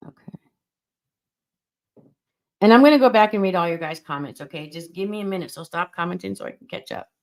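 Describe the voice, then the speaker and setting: A woman's voice: on the low side, expressive, fairly quick, long pauses. A woman hosting a casual livestream rant, blunt and profane, her volume uneven because her mic keeps cutting in and out. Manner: blunt and profane, stumbling restarts. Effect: uneven volume from an unplugged mic cutting in and out. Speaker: livestream host.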